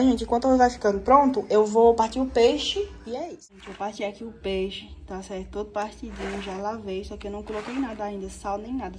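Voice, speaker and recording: A young Brazilian woman with a fairly high, darkish voice chats casually with viewers while cooking lunch in her home kitchen, calling them "gente." She films on a phone held at arm's length, and a little hiss or hum is audible.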